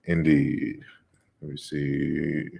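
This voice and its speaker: A man with an extremely deep, low voice hosts a casual livestream. He reads viewer comments aloud and answers at length, relaxed and conversational. His explanations are measured and lecturing, with frequent fillers and restarts. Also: vocal fry. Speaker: host of an open discussion livestream.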